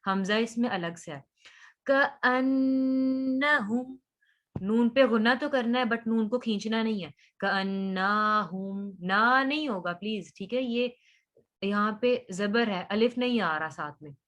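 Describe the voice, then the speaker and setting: In an online lesson, a woman teaches Quran recitation, patiently correcting pronunciation one sound at a time. She draws recited words out slowly before explaining them, her voice a little high and a bit bright.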